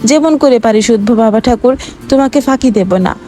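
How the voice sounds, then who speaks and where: A woman voicing a poor, gentle farmer who pleads and speaks tenderly to his ox. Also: on the high side, brisk, soft background music, close to an everyday voice. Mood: pleading. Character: poor, gentle, sorrowful farmer man, middle-aged.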